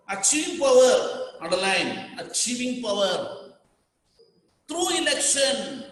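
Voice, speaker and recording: A man's voice: sits high, a bit bright. A man teaching a class, repeating key words and telling students what to underline. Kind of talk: classroom lecture. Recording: echoey room with long reverb.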